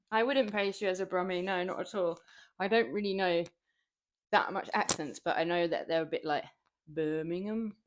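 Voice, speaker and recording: A young woman from southern England, speaking in a lowish voice with a steady tone and moderate pace, chats casually with her stream viewers while lifting weights. She rambles and laughs often, and there's noise in the background. She's a fitness streamer with a southern English accent.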